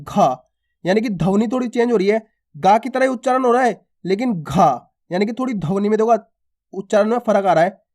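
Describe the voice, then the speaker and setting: Man slowly sounding out letters. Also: sits high, a little mellow. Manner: slow, drawn-out pronunciation of each letter, then example words; addresses listeners as friends and asks if they follow. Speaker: Hindi reading teacher. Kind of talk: alphabet lesson.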